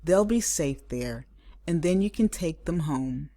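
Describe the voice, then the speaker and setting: A woman voicing a kindly, calm male mouse schoolteacher in a storybook, giving measured, polite instructions. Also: low voice. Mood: calm, firm.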